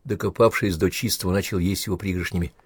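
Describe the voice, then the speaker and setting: Low, husky male audiobook narrator. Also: fairly even intonation, fast, dry recording, studio quality. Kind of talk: scripted narration.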